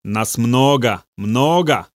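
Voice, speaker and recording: A man voicing a boastful male demon speaking through a possessed youth, in a slow, low, gloating way. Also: expressive, no room sound, studio quality. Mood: whining.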